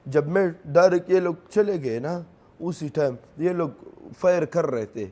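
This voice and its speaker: A young grieving man with a Pashto accent, a native Pashto speaker, recounting events in an interview in halting, broken phrases that repeat themselves. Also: on the high side, dark tone. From Khyber Pakhtunkhwa, Pakistan.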